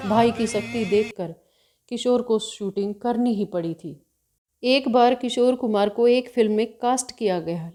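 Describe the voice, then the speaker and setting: A woman giving a scripted narration of anecdotes in a steady storytelling delivery. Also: mid-range voice.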